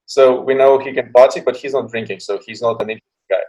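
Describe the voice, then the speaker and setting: A man's voice: medium pitch, fairly even intonation, fast, darkish tone, rough recording. A man acting as interviewer, asking questions in a loose, casual way.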